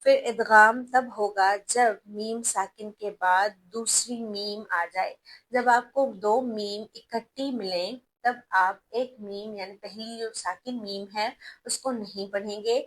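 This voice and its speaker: A woman teaching an online recitation class, who explains step by step, spells out letters slowly and checks that students follow. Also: medium pitch, fairly even intonation, rough recording. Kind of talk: online tajweed lesson.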